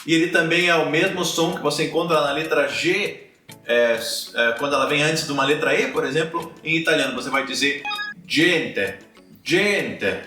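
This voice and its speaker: Brazilian man, young, language teacher, repeats example words slowly, roomy echo, a bit off-mic. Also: fairly high pitch, sharp tone, far from the mic. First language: Portuguese. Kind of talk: teaching pronunciation.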